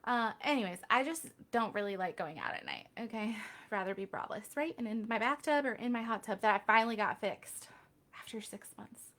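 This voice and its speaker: Woman chatting on a live stream, kinda high voice, candid and jokey about herself. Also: expressive, brisk, fairly bright tone. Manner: chatty, candid, self-deprecating asides. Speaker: reiki healer hosting a live Q&A. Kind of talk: casual live-stream talk.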